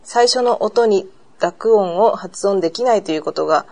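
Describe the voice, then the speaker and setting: A woman co-hosting a podcast, reading a listener's letter aloud in an even, careful way. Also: mid-range voice, moderate pace.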